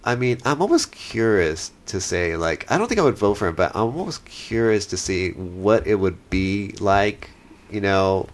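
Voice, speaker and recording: Rambling, laughing podcast host man. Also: moderate pace. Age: 30s. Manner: rambling, laughing, animated with big pitch jumps. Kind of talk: casual podcast chat.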